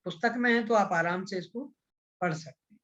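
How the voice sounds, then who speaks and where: A man teaching an online scripture class, patiently explaining and repeating points, and chanting Sanskrit verses slowly. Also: high voice, fairly bright tone, muffled recording. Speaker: religious studies teacher.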